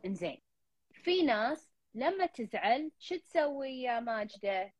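Husky Gulf Arabic woman counseling earnestly. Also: a little high, big pitch swings, unhurried, dry recording. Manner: earnest and repetitive, mixing in English fillers. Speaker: advice show host counseling a caller. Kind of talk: counseling call-in chat. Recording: dull lo-fi dry sound.

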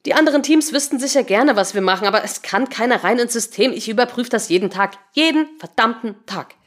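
A woman playing a shrill furious programmer. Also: lively intonation, a little fast. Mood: exasperated. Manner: loud, high and exasperated. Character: furious young female programmer.

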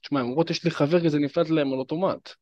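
A man's voice: on the high side, fairly even intonation, a little mellow, dry recording. A man in casual chat, agreeing and then adding his own point. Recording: dull, dry, lo-fi.

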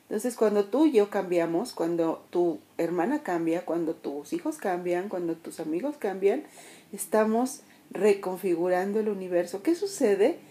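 Warm-voiced woman giving a motivational talk. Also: medium pitch, expressive, normal speed. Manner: earnest and coaching, speaks directly to the listener; acts out everyday voices in her examples. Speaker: motivational speaker.

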